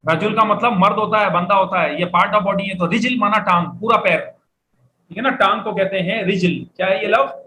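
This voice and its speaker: A man's voice: high-pitched, moderate pace, sharp tone. A man teaching Arabic words in an echoey classroom. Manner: drills vocabulary, has students repeat words. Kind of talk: classroom lecture. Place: classroom with students and a board. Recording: echoey room, faint background noise.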